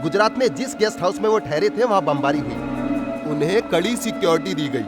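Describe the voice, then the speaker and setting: A man's voice: sits high, animated, fairly quick. Taunting village strongman villain. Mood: threatening. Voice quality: taunting, menacing, mocking laughs. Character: menacing village strongman villain, male adult. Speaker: dubbing actor. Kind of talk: Hindi film dubbing. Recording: film soundtrack with loud music.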